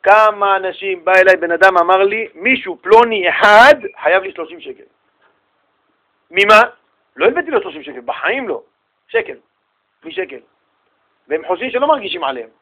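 A man with a fairly high voice leads a religious class, spinning everyday anecdotes and briefly acting out the people in them. He talks in a lively, animated way, and the sound has the feel of a radio broadcast. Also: long pauses. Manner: animated storytelling, acts out little dialogues. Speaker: rabbi giving a Torah class.

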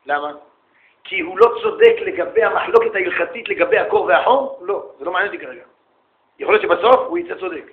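A high-pitched man lecturing with humor, acting out exchanges in quick bursts. The sound is thin and phone-like, and it bounces around an echoey room. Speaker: yeshiva lecturer. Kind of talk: humorous talk to students.

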